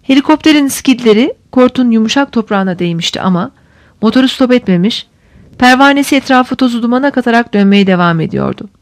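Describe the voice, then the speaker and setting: A woman reading a novel aloud in steady, measured audiobook narration. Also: on the high side, dry recording.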